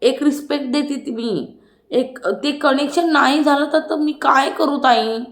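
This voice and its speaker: Woman playing a young woman on the defensive, pleading and raised in pitch, echoey room. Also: measured pace.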